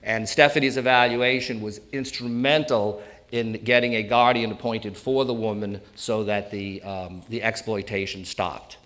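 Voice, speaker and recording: With a lowish, steady, fairly bright voice at a moderate pace, this sixty-something elder law attorney from New England presents informally. He banters jokingly with the audience throughout his live talk.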